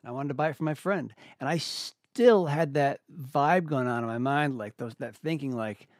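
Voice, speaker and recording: Relaxed, chatty man hosting a conversation. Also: medium pitch, moderate pace, no room sound, clean studio sound. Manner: relaxed and chatty, sprinkled with fillers. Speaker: podcast host. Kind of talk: casual conversation.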